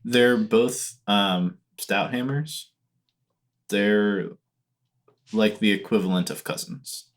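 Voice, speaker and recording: A man's voice: on the low side, takes it slowly, pauses often. A man acting as game master, casually explaining story details to his players with many fillers.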